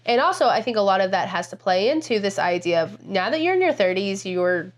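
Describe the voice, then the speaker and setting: Woman, 30s, podcast co-host, emphatic casual talker, medium pitch. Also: sing-song, brisk. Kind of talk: casual chat.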